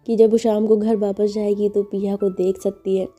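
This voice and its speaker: A woman's voice: medium pitch, little pitch movement, normal speed, dark tone, soft background music. A woman narrating a story in a chatty, conversational way, with casual asides.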